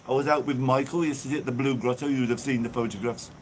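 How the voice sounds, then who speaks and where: Outdoors with a church view behind him, an English man live-streams from a phone held in front of him, cheerfully reading viewer comments aloud. His medium-pitched voice stays fairly even and moves at a quick pace, and a little hiss or hum is audible.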